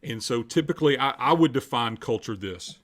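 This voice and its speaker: The American culture coach and minister, in his fifties, keeps answering the podcast's questions with conversational earnestness, echoing phrases for emphasis. Here his medium-pitched voice is expressive, brisk and slightly bright.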